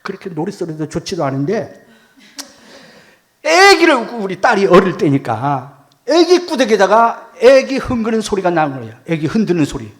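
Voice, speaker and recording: Man, 70s. Pastor's dramatic testimony, high and highly expressive. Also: fairly quick. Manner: dramatic storyteller, acts out voices. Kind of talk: testimony sermon.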